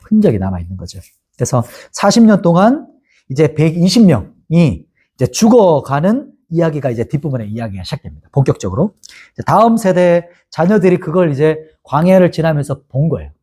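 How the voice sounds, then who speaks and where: A man's voice: fairly high pitch, big pitch swings, a little fast, warm tone, husky. A male pastor giving a Bible lecture, asking his class questions and answering them himself. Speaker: pastor teaching a Bible course.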